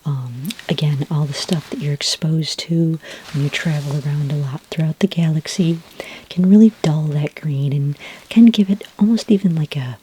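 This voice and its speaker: In an ASMR roleplay, a woman plays a kind alien skin care consultant, speaking in a breathy near-whisper that is gentle, unhurried and reassuring, with a soothing, helpful mood. Her voice sits low and is exaggerated, and the recording is rough.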